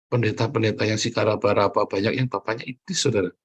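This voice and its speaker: A man preaching a sermon in with a tinge, fiery and mocking, swinging between loud jabs and low asides. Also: fairly even intonation, fast talker, husky, dull audio.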